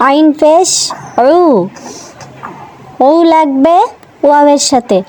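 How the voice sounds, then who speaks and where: A woman teaching Quran reading to children in a slow, patient lesson, spelling out each letter and vowel mark, then repeating the syllable. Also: sits high, fairly even intonation, a little mellow, poor audio. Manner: asks the listeners questions and answers them herself.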